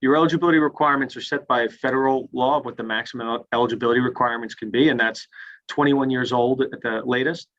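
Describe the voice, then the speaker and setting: A man's voice: medium pitch, steady tone, fast, a bit bright, dull audio. A man presenting a webinar and answering questions step by step, heard as screen-recorded online call audio. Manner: plain, step-by-step, starts sentences with "so". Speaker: webinar presenter on retirement plans. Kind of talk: explaining and answering audience questions.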